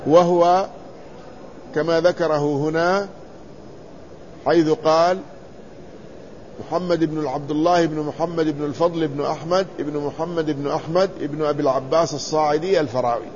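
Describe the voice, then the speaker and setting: A man with a somewhat high voice gives a traditional lesson. He reads a text aloud, stops to explain it, and asks his listeners questions. The recording is dull and lo-fi, with a faint hiss behind him. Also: steady tone, moderate pace, pauses often, a little mellow. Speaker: teacher reading and explaining a classical text.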